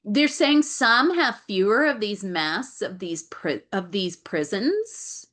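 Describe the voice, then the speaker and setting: A woman's voice: medium pitch, big pitch swings, slow, fairly bright tone. A woman giving a channeled Akashic Records reading over a video call. She relays what her guides say, often repeats phrases and stops to ask them questions.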